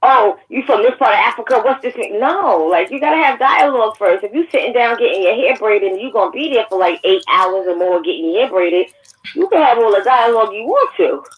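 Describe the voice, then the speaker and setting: A woman from Brooklyn, a guest in a casual chat, telling stories in an animated, joking way. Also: a little high, brisk, rough recording. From New York, Brooklyn.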